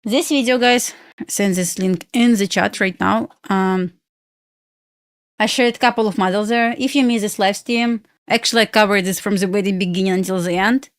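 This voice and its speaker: This futures day trader streams live in casual chat, her mid-range voice steady in tone and normal in speed. The recording is dry, clean studio sound. Originally from Belarus with Russian as her first language, she's bubbly and giggly, her grammar loose and non-native.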